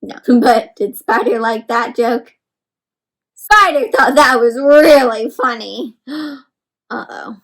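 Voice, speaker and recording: Slowly and with a fairly bright, high voice, a woman reads a picture book to young children. She sounds like a warm, encouraging teacher who speaks straight to her listeners, poses questions, and explains words simply.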